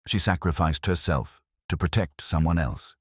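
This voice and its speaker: A man voicing Sherlock Holmes, a precise, coolly logical detective who speaks in a measured, formal and certain way. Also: sits low, husky, no room sound, studio quality. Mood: quietly intent.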